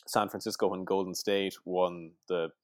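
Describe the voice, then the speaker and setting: A man with a west of Ireland accent and a low voice talks casually about sport. He rambles and hesitates, leaning on little filler phrases. The sound is dry, with very little room. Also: little pitch movement, moderate pace, dry recording. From Sligo, west of Ireland. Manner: hesitant, rambling, many "like" and "you know". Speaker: podcast co-host.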